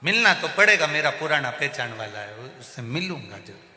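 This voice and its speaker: A man voicing a stubborn, hard-of-hearing old grandfather who shouts everything. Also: mid-range voice, big pitch swings, moderate pace. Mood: insistent. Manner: shouts loudly. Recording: echoey hall, faint music.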